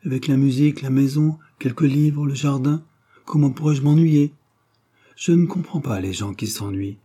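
A man reading aloud, voicing a cheerful and sensible young woman in a raised, lively voice. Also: medium pitch, normal speed, husky, pitched above the performer's own voice, close to an everyday voice. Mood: bright, sensible.

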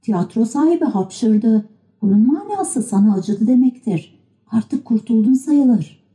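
Woman doing a lively puppet guy, excitable, kinda high, bouncy. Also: a little slow. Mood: hushed.

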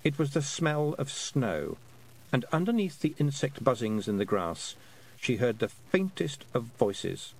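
A man narrating an audiobook in an expressive storytelling manner. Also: mid-range voice, measured pace, gravelly, low-quality recording.

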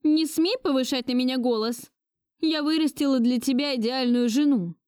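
A domineering elderly grandmother, imperious and shrill, acted by a woman reading an audiobook. Her voice sits high and cutting, recorded dry and close with no room around it. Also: normal speed, a little mellow, smooth, dry recording, close to an everyday voice.

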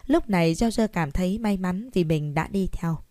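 A woman narrating an audiobook story in a steady, even reading. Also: lowish voice, moderate pace, dry recording, clean studio sound.

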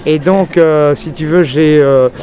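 A French journalist, interviewed on a busy city street with crowd and traffic audible, talks frankly and rambles through a lengthy story laden with fillers. His voice is a little high and dark in tone, with fairly even intonation, and he takes it slowly.

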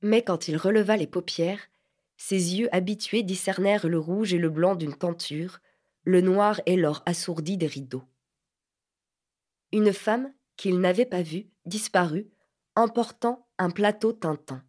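A woman narrating a classic French novel as an audiobook in a measured, expressive reading. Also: fairly low pitch.

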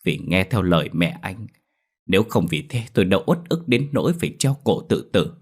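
A man voicing the vengeful female ghost of a young nurse, rasping and tearful, in a spoken horror story. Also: low-pitched, big pitch swings, a little fast, darkish tone, heavily acted. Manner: rasping, wailing, then tearful.

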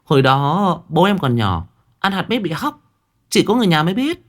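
A man's voice: fairly high pitch, sing-song, normal speed, pitched above the performer's own voice. A man voicing a cheerful, trusting young woman in a raised, chatty voice.

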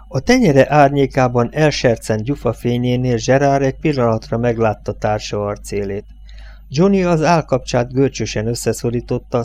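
A man narrating a novel as an audiobook, reading in a measured, steady way. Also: medium pitch, vocal fry. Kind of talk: scripted narration.

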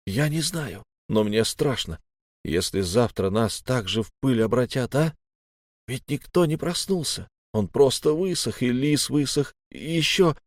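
A man voicing a frightened young male sailor who speaks in anxious, hushed bursts. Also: mid-range voice, expressive, unhurried, no room sound, studio quality. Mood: scared.

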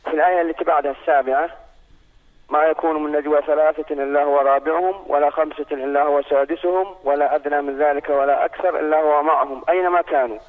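A man from Saudi Arabia calling in by phone, asking a formal, courteous question and reciting verses in a measured way. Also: on the high side, steady tone. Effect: heard over a phone line. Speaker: phone-in caller.

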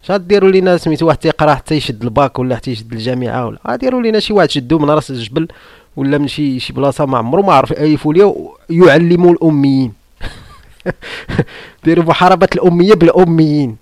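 A man with a Moroccan accent argues in an online room, firing off rhetorical questions and mocking replies. His voice sits a little high. The sound is dry and close, with no room echo. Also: lively intonation, fast, a little mellow. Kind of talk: argumentative live-room monologue.

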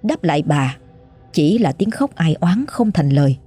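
Woman reading a ghost story, low husky voice, slow and creepy, soft music behind. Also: expressive. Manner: measured, suspenseful delivery. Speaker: narrator. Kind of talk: scripted ghost story narration.

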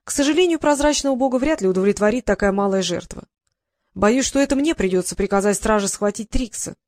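A mild, quietly cunning sultan, as a woman reader puts him on for an audiobook, speaking in a kindly, unhurried way. The voice is held at a middling pitch and sounds close and dry. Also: animated, no echo, natural voice. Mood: scheming calm. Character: soft-spoken, yielding, gently cunning sultan, man.

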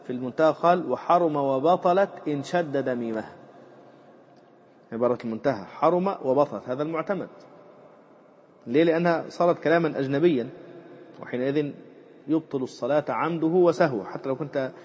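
A man's voice: fairly quick, long pauses, a little mellow. A male teacher gives a lesson on Islamic jurisprudence, reading lines from a classical text and then explaining them with fillers and repetition. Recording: muffled low-fidelity recording with faint background noise.

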